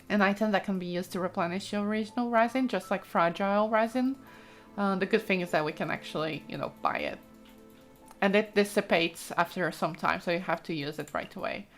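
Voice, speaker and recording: A woman with a medium-pitched, slightly bright voice streams a let's play, exploring a game while chatting casually, thinking out loud and exclaiming often.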